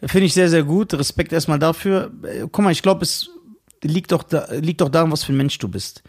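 A man co-hosting a casual chat podcast, giving emphatic, opinionated views in a husky voice. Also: a little high, fairly quick. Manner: emphatic, opinionated, animated speaker. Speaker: podcast co-host.

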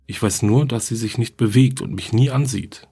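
A man voicing Isabeth, a calm, morbid girl. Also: medium pitch, moderate pace, husky. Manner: matter-of-fact, unbothered.

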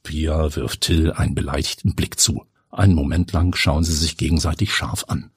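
Husky man narrating a story. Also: a bass voice, steady tone, moderate pace, no echo, studio quality. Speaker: audiobook narrator. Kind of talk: scripted narration.

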